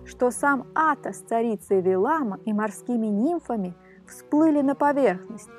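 Lively woman reading a fairy tale. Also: a little high, normal speed, soft background music. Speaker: storyteller.

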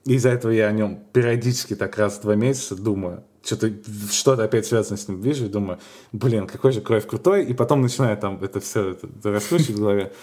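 A man co-hosting a podcast, chatting casually and telling stories in a musing, unhurried way with small hesitations. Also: fairly low pitch, a little mellow. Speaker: podcast co-host.

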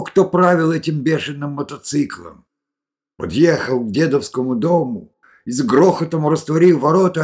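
A man reading a rustic story aloud in an expressive way, voicing each character himself. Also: on the high side, slightly rough. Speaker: narrator.

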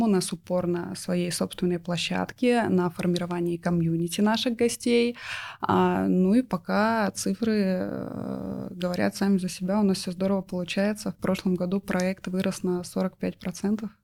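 A woman's voice: on the low side, vocal fry, darkish tone. A woman in her thirties from Russia, a guest entrepreneur speaking in a chatty, enthusiastic podcast interview with frequent fillers. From Novosibirsk, Russia. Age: 30s. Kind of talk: conversational interview.

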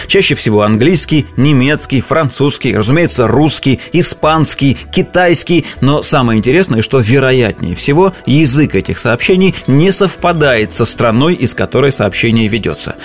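Male explainer presenter, middle-pitched, conversational, with faint music underneath. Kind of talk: informal explainer narration.

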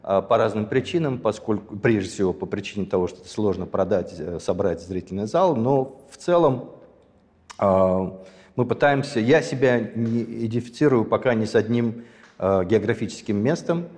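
Low, dark-voiced man in his sixties. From Azerbaijan. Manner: measured, thoughtful, pausing to search for words. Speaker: interview guest. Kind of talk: reflective personal storytelling. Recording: long hall reverb.

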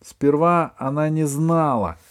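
A man reading aloud who voices a cheerful, chatty schoolgirl in a raised, lively voice. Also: fairly high pitch, slow, voice pushed up.

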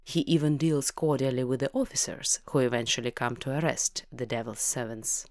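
A woman co-hosting a folklore podcast, explaining in a wry, lively scripted delivery. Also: extremely low pitch, a little fast, dry recording, studio quality. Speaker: podcast co-host.

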